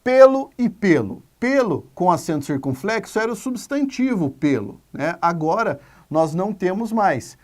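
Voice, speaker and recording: A man teaching a grammar lesson on video, emphatic and drawing out example words slowly. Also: high voice, very animated. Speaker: Portuguese teacher.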